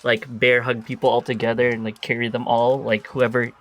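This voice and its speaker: A man playing a tabletop game narrates his character's actions in character, rambling and saying "like" a lot. His medium-pitched voice is flat and brisk, with a little hiss or hum in the recording.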